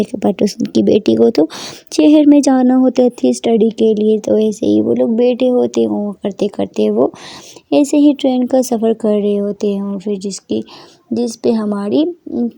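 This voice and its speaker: A woman narrates a story in loose, repetitive phrasing. Her voice is high, dark and gravelly, recorded close and dry. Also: no room sound.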